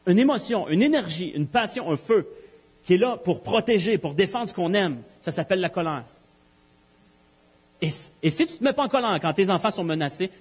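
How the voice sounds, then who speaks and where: Husky-voiced pastor preaching. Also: male voice, sits high. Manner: emphatic, rhetorical questions, repeats key phrases. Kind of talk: sermon. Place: church. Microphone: live-streamed church recording.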